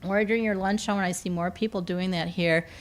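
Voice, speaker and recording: A campus career development speaker, a woman with a mid-range, steady voice, talks briskly and informally to an audience in a meeting room. She's conversational, full of "um"s and self-corrections, and she's slightly losing her voice, which sounds a little strained and gives out at times, with an occasional cough.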